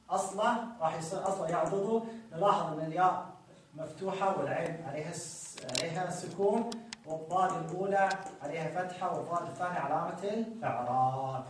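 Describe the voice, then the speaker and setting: A man teaches a grammar lesson, slowly repeating each form and checking that students follow. His voice sits a little high for a man. The sound is very echoey and distant, as if he stands well away from the mic in a bare room. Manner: slow, repetitive explaining with frequent checks.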